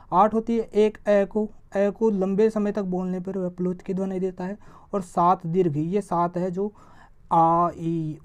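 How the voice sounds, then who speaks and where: A woman teaching an exam-prep grammar lesson. She asks a question and answers it herself, and she draws vowel sounds out slowly to show them. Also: mid-range voice, warm tone. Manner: stretches vowels slowly when demonstrating sounds.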